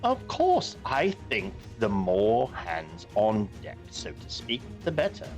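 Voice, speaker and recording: A man playing a formal, courteous male ally in a tabletop role-play, speaking in a measured, old-fashioned and polite way. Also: on the low side, wildly swooping pitch, darkish tone, faint music behind, exaggerated voice. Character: formal, courteous male ally who once fought giants.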